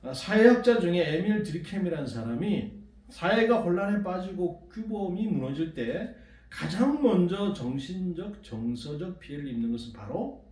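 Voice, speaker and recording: A man preaching a Sunday sermon as pastor, animated and acting out the voices he quotes. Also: high voice, moderate pace, roomy sound, recorded from a distance. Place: church sanctuary.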